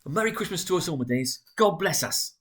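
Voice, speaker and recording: A man voicing a mild, kindly husband and father in a storybook reading, gentle and earnest. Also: on the high side, animated, fast, pitched above the performer's own voice. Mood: cheerful.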